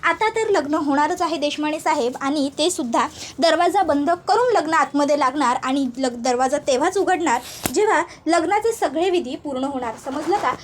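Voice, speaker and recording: A woman's voice: high-pitched, expressive, moderate pace, slight background noise. A woman reading the lines of a senior woman police inspector, commanding and firm.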